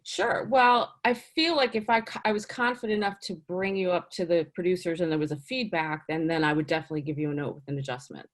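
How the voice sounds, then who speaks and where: A woman talking as a casting director in a casual interview, chatty and animated, full of "you know" and "like". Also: quick pace, few pauses. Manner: lively, swings up in pitch for emphasis.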